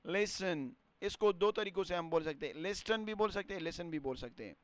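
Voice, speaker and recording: A man teaching a beginner English lesson, explaining in Urdu and repeating words and phrases slowly for learners. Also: high-pitched, expressive, clear, resonant tone, no echo.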